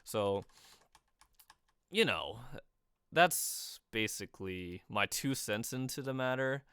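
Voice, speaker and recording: A man's voice: mid-range voice, expressive, slow, pushed and bright, clean tone, no echo. A young man streaming casual game commentary, rambling with lots of filler words and restarts.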